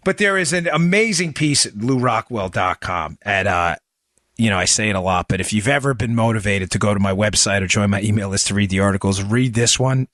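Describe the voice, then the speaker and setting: A man's voice: lowish voice, sharp tone, dry recording. Emphatic male talk show host, dry sound. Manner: emphatic, talks straight to listeners, frequent restarts. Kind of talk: political talk show monologue.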